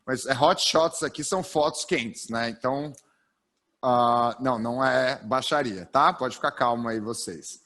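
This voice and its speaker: A man's voice: medium pitch, unhurried. A man gives a live storytelling workshop from a stage. He talks with lots of energy and keeps checking in with a questioning "tá?". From Brazil. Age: 30s. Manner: energetic, tags sentences with a questioning "tá?". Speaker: storytelling trainer. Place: stage of a live training event.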